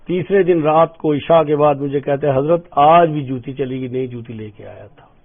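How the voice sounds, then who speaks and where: An older man preaching an emotional storytelling sermon, acting out the voices in his stories. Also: a little high. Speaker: Islamic preacher. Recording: tinny phone-like lo-fi sound.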